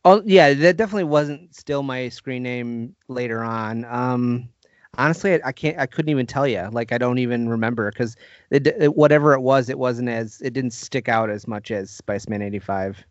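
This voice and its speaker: A man co-hosting a casual podcast about music, reading out album facts in a brisk list. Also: medium pitch, no echo, highs cut off. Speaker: podcast co-host. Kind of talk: casual chat.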